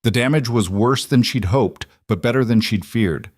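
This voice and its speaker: A man narrating a frontier romance story in a measured, even storytelling manner. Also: mid-range voice, no echo, studio quality. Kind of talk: scripted narration.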